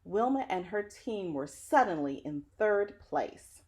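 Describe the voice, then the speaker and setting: Reading a picture book at a measured pace, this woman has a medium-pitched, animated voice with a little mellowness to it. She plays up the story dramatically and speaks directly to her audience in chatty asides.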